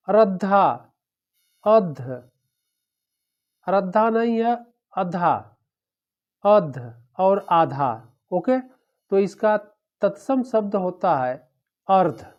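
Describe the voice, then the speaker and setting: Slow-spoken male teacher, lo-fi. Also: high-pitched. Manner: repetitive drilling of word pairs. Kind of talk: exam-prep lecture. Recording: dull lo-fi recording.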